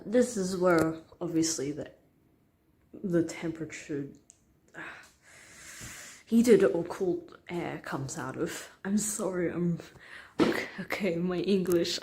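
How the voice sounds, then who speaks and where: A nervous woman talks casually to camera from a hospital room, her voice sitting low. She's hesitant and apologetic, using many fillers and sometimes slipping into soft whispered asides, with a little hiss or hum in the background.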